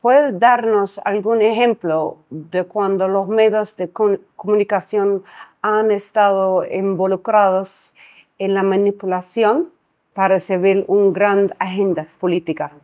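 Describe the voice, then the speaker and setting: A woman asking interview questions in a measured, deliberate way. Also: medium pitch, steady tone, a little mellow.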